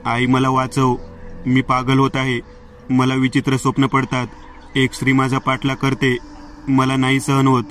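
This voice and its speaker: A man reading the lines of a frightened young woman haunted by visions, in his own flat voice. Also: mid-range voice, moderate pace, distant mic, close to an everyday voice. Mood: pleading.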